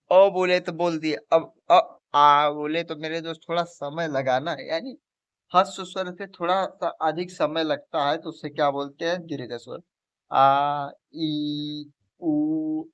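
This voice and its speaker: A man's voice: a little high, no room sound. A man teaching a lesson for exam preparation, who asks questions and answers them himself and keeps calling the viewer his friend. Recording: dull, lo-fi recording.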